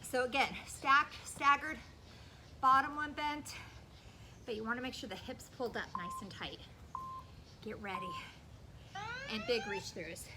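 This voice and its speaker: A woman's voice: high-pitched, wildly swooping pitch, unhurried, pauses often. A woman coaching a workout as an aerobics instructor, encouraging and counting down while she exercises along. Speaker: fitness instructor. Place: outdoors in a backyard garden. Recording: noisy outdoor recording with ambient sound.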